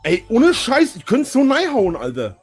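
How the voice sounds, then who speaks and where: A man's voice: very high-pitched, wildly swooping pitch, moderate pace, slightly rough, faint music behind. A man in an agitated, aggrieved rant, venting angrily with heavy swearing like a streamer. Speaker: video creator and streamer. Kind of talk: angry venting monologue.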